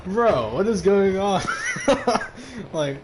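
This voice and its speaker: A man's voice: high voice, background noise. Breathless, laughing young male game caster. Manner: laughing, exclaiming, swearing. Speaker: match caster. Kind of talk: excited live game commentary.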